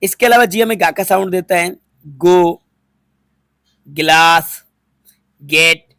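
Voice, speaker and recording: A man's voice: high-pitched, slow, sharp tone, no room sound, clean studio sound. A man teaching a phonics lesson to students, patiently spelling words out letter by letter and repeating each one. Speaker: English teacher.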